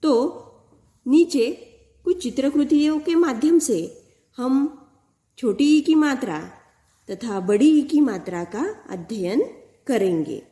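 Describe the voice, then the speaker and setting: Slow, careful woman teacher in an echoey room. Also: sits high, lively intonation, warm tone. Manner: slow, careful word-by-word reading, stretching out syllables. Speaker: primary school Hindi teacher. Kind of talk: recorded online lesson for children.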